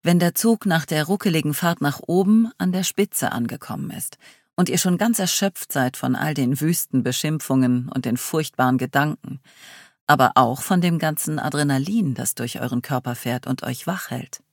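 Measured first-person audiobook narrator. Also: medium pitch, dry recording, clean studio sound.

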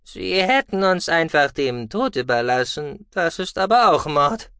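Man voicing a cheeky furry alien, high and excitable. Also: unhurried, clear, resonant tone, no echo, clean studio sound, exaggerated voice. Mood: worried. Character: furry small male alien, cheeky, telepathic. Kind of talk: audiobook reading.

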